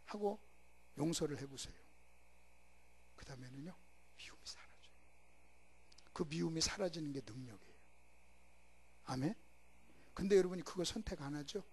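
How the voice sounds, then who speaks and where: A middle-aged male pastor preaching a sermon. He asks the congregation questions, has them answer, and swings from loud shouts to hushed whispers. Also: on the high side, animated, moderate pace, pauses often, breathy edge.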